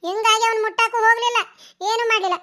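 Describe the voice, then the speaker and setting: A woman voicing a fussy, dramatic village woman in a cartoon, with a North Karnataka Kannada accent and an excitable, chattering delivery. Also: very high voice, very fast. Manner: excitable, storytelling, scolding. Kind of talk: cartoon voice acting.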